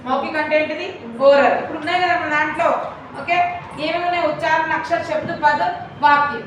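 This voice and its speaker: High bright woman teaching in an echoey room. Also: fairly even intonation, fast talker, background noise. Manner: explains points and quizzes listeners, switching between two languages. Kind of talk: classroom lecture on language teaching. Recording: very echoey room audio, voice from a distance, faint ambience.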